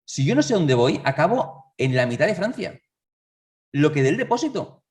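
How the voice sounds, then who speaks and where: Man, sermon, conversational, rhetorical questions, fairly high voice, distant mic. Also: big pitch swings, normal speed. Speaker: lay preacher. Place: church hall.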